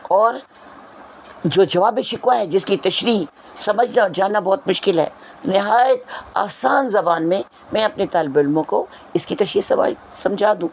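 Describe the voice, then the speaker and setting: A woman's voice: medium pitch, expressive, slight background noise. A woman teacher explaining a poem to her students in an earnest, lecturing way, with repeated rhetorical questions. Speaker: Urdu teacher. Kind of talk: explanatory lesson, addressing students.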